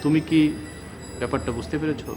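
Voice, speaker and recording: A man's voice: a little high, fairly even intonation, fast talker, music in the background, natural voice. A man playing a stern, lecturing headmaster. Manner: formal, lecturing. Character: stern, formal male school headmaster. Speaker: school headmaster. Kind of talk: TV serial acting.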